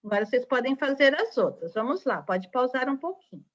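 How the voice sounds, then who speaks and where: On a dull, lo-fi recording, a primary school teacher with a Brazilian Portuguese accent gives a recorded online lesson to young children. She speaks in a high-pitched, expressive voice at a fairly quick pace, staying patient, sounding out syllables and using lots of tag questions.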